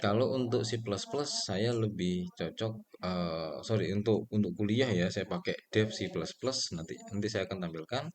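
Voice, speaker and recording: A man, speaking in a lowish register, teaches programming in a loose, chatty way. He puts questions to the class and answers them himself, with plenty of fillers along the way. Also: moderate pace, hardly any pauses. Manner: relaxed and conversational, with frequent fillers and self-corrections. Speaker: programming lecturer. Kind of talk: casual spoken lecture.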